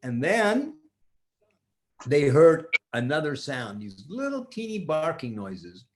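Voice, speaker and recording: An older man tells an improvised children's story in a folksy manner. His pitch moves around a lot, and he takes his time, stretching words for effect. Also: takes it slowly. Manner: folksy, expressive, draws words out.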